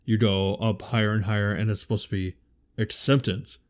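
Man, lowish voice, th pronounced as f, casual gaming commentary, rambling, conversational, self-correcting. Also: fairly even intonation, fairly quick. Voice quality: says th sounds as f. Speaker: host. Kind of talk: casual video game theory commentary.

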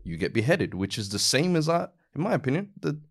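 Fast man, swooping pitch, challenging. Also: very animated, vocal fry. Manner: challenging, rhetorical questions. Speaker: podcast panellist. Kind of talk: casual debate.

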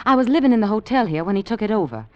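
A woman plays a scheming, practical young woman from Virginia, brisk and earnest as she presses her case. Her pitch swings widely. The sound is muffled and lo-fi, like an old film reel. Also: animated, dry recording, close to an everyday voice. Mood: urgent, earnest.

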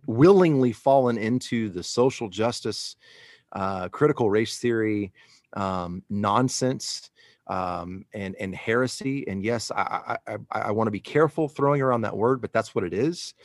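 A man's voice: fairly low pitch, measured pace, dry recording. Emphatic man arguing, dry close sound. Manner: emphatic, argumentative, repeats words when worked up. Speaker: podcast co-host. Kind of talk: casual conversational commentary.

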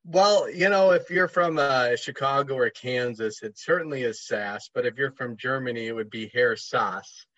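A man's voice: medium pitch, moderate pace, few pauses, a bit bright, no room sound, muffled recording. A man who is a guest on a podcast, talking in a wry, joking way. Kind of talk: casual podcast chat.

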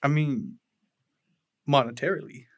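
A man's voice: mid-range voice, unhurried, dry recording, clean studio sound. Laid-back young guy on a podcast. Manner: rambling, swears freely, laid-back. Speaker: podcast co-host. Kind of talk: casual chat.

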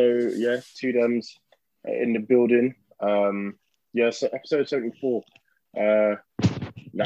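A man's voice: mid-range voice, darkish tone, dry recording, highs cut off. A man with a London accent hosting a podcast in casual, slangy chat. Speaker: podcast host.

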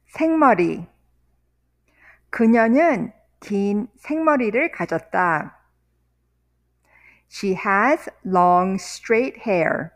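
A woman teaching vocabulary, saying each word slowly and deliberately, repeating words and sentences one piece at a time. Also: medium pitch, lively intonation. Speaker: language teacher. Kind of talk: vocabulary lesson with repetition.

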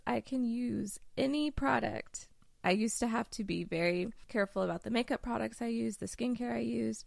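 Woman podcast host, enthusiastic casual chat, gravelly fry, dry recording. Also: medium pitch, dry recording. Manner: bubbly, slangy, enthusiastic.

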